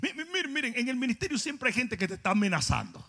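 A male pastor preaching with shouting emphasis and playful asides. His voice sits very high and cuts through bright and forceful. A husky, gravelly edge runs through it. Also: big pitch swings, quick pace, big-room sound. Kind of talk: sermon.

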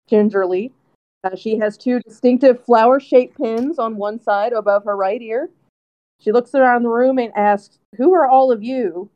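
A woman with a slightly high voice softly narrates her character's entrance in a tabletop game. The audio is dull and lo-fi. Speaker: player. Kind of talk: casual tabletop role-play.

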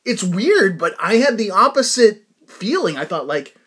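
A man with a slightly higher-than-usual voice tells a personal story in a loose, conversational way. He rambles, restarts his sentences and keeps turning to his listeners with little asides. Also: big pitch swings, a little slow, pushed and bright, husky. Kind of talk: casual personal anecdote monologue.

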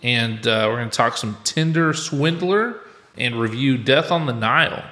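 A man with a bright, forward voice hosts a casual movie podcast. He talks in a loose, chatty way, with the sound of an empty room around him. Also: medium pitch, lively intonation, normal speed. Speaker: podcast host. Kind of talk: casual film podcast chat.

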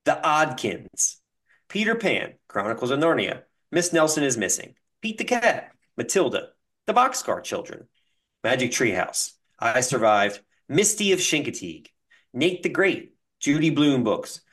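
A man's voice: medium pitch, sing-song, a little slow, a bit bright. A man hosting a casual podcast, reading listener comments aloud and reeling off long lists with laughs. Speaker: podcast host.

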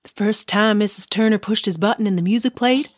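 A woman's voice: mid-range voice, fairly quick, no echo, studio quality, natural voice. A woman playing a friendly, talkative ball ornament in a children's audio drama, telling tales matter-of-factly. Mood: gossipy. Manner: chatty, matter-of-fact storytelling. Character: chatty, friendly female Christmas ball ornament, newcomer.

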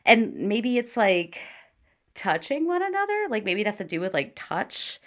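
A woman's voice: medium pitch, sing-song, normal speed. A young woman co-hosting a casual chat, thinking aloud with lots of fillers. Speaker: co-host.

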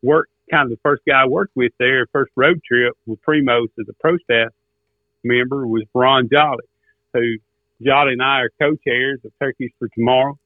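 A man's voice: medium pitch, steady tone, normal speed, no echo. This is a man with an Arkansas accent and an easy Southern drawl. He talks in a folksy, casual storytelling way as an interview guest. His voice comes through a narrow, tinny phone connection. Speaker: guest, duck caller and turkey hunter. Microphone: remote phone call.

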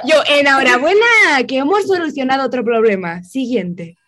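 A woman's voice: high-pitched, moderate pace. A woman chatting animatedly as a podcast co-host, laughing and mixing in English. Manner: animated, laughing, switches between Spanish and English. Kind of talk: casual chat.

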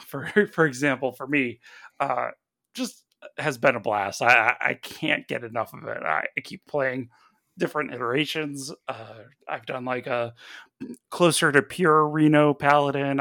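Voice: medium pitch, a bit bright, dry recording, studio quality. A podcast co-host chatting enthusiastically, often restarting sentences and laughing. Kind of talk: casual chat.

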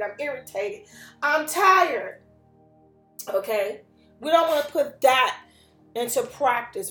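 A woman with a slightly high voice hosts a motivational podcast, earnest and emphatic, returning to the same points again and again. The room is echoey, and faint music plays behind her. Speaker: podcast host.

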